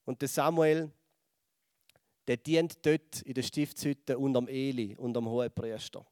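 A man with a Swiss German accent preaching a sermon, telling a Bible story in lively fashion and dropping to a hush at moments. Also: mid-range voice, unhurried, clear, resonant tone, no echo, clean studio sound. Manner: lively storytelling, acts out voices and drops to a hush.

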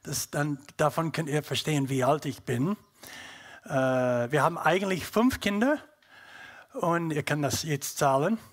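North American man speaking halting, English-accented German. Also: a little high. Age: middle-aged. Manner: halting, searching for words in non-native German. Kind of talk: personal testimony talk to an audience.

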